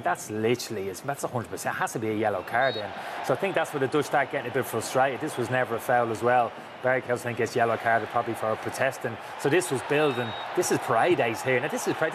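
A middle-aged man breaks down football replays at a brisk clip, emphatic and sure of his reads. He sits on a TV studio set wearing a lapel mic. A clear layer of background noise runs under his voice. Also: medium pitch. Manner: emphatic, talks over replays. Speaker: football pundit. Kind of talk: studio match analysis.

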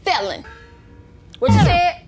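Sassy, theatrical scolding mother for a comedy skit played by a woman, high voice with big swoops, music behind. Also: big pitch swings, slow pace, heavily acted. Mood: sassy, boastful. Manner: exclamatory, repeats phrases for emphasis. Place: living room of a house.

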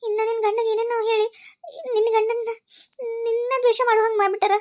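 A woman's voice: extremely high pitch, little pitch movement, quick pace, a little mellow. A woman voicing a tearful young wife in a cartoon, speaking with a North Karnataka Kannada accent. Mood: grieving. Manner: tearful, pleading. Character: young wife, grieving and vowing revenge. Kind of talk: cartoon voice acting.

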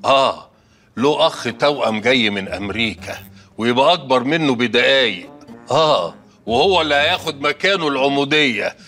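A man's voice: mid-range voice, expressive, normal speed, sharp tone, soft background music. A man with an Egyptian Arabic accent in a comic sketch, gossiping in a teasing way.

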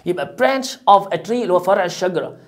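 A woman with an Egyptian Arabic accent teaching English grammar to young children. She says each English word slowly several times, then explains it briskly in Arabic. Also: mid-range voice, lively intonation. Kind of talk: recorded grammar lesson for children.

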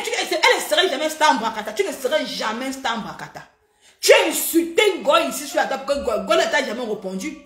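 A woman hosting a live stream, talking in an animated, mocking, repetitive way. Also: high voice, echoey room. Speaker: livestream host. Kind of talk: heated live-stream rant.

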